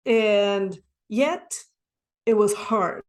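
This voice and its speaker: With drawn-out words and a medium pitch, a Mexican woman tells her story as a podcast guest. She speaks English as a second language with a Mexican Spanish accent, in an earnest, reflective conversational interview, frequently tagging on "right?".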